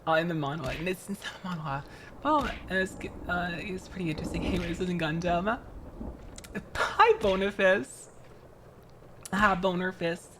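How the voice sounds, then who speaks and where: A VTuber streamer chats casually with viewers while building a model kit, wandering from thought to thought and greeting people by name. The voice is mid-range at a moderate pace, with background noise present.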